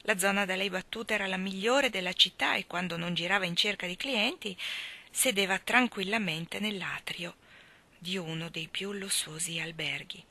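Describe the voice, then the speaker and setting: A woman reading a novel aloud in a measured, expressive way. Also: medium pitch. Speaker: reader.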